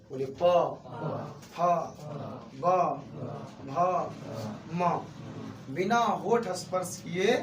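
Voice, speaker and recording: A man with a Bihari accent teaching a grammar lesson in a classroom, asking the class questions and answering them himself. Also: high voice. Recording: echoey room, far from mic, faint noise.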